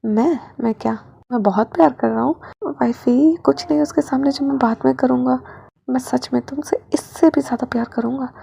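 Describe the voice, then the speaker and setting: A woman voicing a teasing, possessive male commando husband in a storybook reading, speaking low and soft. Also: steady tone, moderate pace, vocal fry, husky, full character voice.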